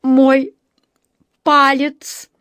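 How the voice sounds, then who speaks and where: A woman voicing a flustered middle-aged male dentist who speaks in a brisk, huffy way, in a storybook reading. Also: mid-range voice, no echo, studio quality, lightly acted. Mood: shaken.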